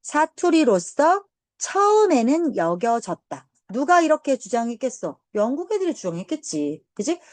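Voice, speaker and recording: A woman English teacher lecturing a high school class, drifting into chatty personal stories. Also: very animated, darkish tone, no room sound. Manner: chatty, banmal asides, quick tangents. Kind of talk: lecture mixed with casual storytelling.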